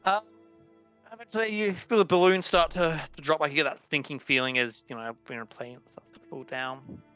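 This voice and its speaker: Man as game master, casual rambling narration, bright and smooth tone, a bit high. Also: fairly even intonation, a little fast, muffled recording, faint music behind. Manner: casual, loose narration with fillers. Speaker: dungeon master.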